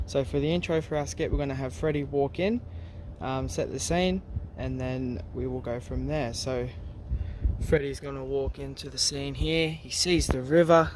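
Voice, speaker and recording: Aussie teacher guy explaining a task, easygoing, lots of ums, medium pitch. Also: normal speed, background noise. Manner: relaxed, many fillers. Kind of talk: recorded class instructions.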